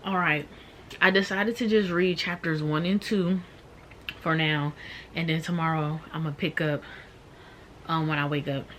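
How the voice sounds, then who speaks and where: A young woman chats casually through a book review, her voice sitting a little low. She talks loosely, with plenty of "um" and "like" fillers. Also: steady tone, unhurried, long pauses, a bit bright, slight background noise. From Maryland, USA. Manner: chatty, many "um" and "like" fillers.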